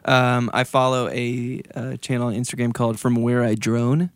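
A man with a gravelly, fry-edged voice chats on a podcast with a deadpan, teasing manner. His pitch is in the middle range, and the recording is dry and close. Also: moderate pace, dry recording. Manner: deadpan joking. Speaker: podcast co-host, church lighting person. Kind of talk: casual chat.

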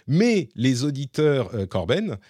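A man's voice: medium pitch, very animated, slow, mellow, slightly rough, no echo, clean studio sound. A man hosting a casual tech podcast, chatting as he explains and demonstrates tools live. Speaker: podcast host.

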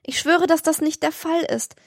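A woman's voice: high voice, steady tone, normal speed, no room sound, voice pushed up. A frightened girl voiced by a woman reading pleads in a raised, tearful voice. The sound is dry and close, as in an audiobook. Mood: pleading.

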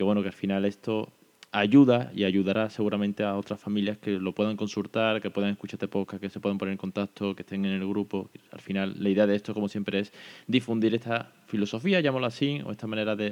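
A man's voice: fairly low pitch, darkish tone, dull audio. A man hosting a podcast, chatty and effusive in a casual interview. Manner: chatty and effusive, quick asides. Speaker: podcast host. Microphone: recorded without camera.

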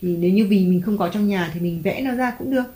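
A mellow, mid-range voice belongs to a mother giving her child a home reading lesson on letters and tone marks. She stays patient and encouraging, stretching out each spelling and offering frequent praise, while faint music plays in an echoey room.

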